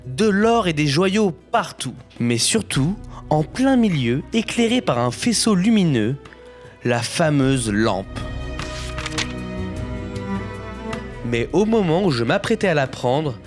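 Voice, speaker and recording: A man playing young Aladdin, telling his own adventure in expressive, suspenseful storybook narration. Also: a little high, a little slow. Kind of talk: dramatic scripted first-person storybook narration. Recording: music bed behind narration.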